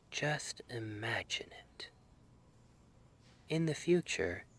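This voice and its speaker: A lowish-voiced man voices a soft, comforting dream-institute clinician for an ASMR roleplay, frequently slipping into a whisper. The mood is soothing yet welcoming and promotional.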